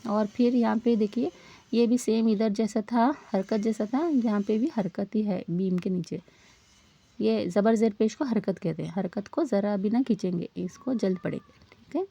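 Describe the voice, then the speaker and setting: A woman teaching Quran recitation in a patient step-by-step lesson, repeating each rule and pausing to ask her learners questions. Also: medium pitch, creaky, warm tone. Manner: slows down to model Arabic sounds.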